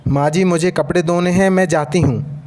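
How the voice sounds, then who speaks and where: A man voicing a patient young daughter-in-law who speaks politely and calmly, in storybook narration. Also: a little high, normal speed, slight background noise, natural voice. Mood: gentle. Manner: polite, calm.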